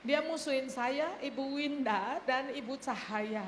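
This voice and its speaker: A woman pastor preaching a sermon, telling stories in an animated way and often laughing as she addresses the congregation. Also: sits high, a little slow. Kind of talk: sermon with storytelling. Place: church hall. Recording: echoey church hall, faint noise.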